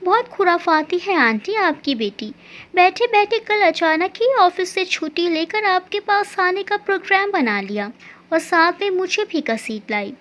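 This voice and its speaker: A woman's voice: extremely high pitch, lively intonation, measured pace, fairly bright tone, full character voice. A woman voicing a playful young man who teases and jokes with an older aunt. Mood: teasing. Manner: playful, apologetic teasing. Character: young adult man, joking and teasing. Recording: dull lo-fi recording.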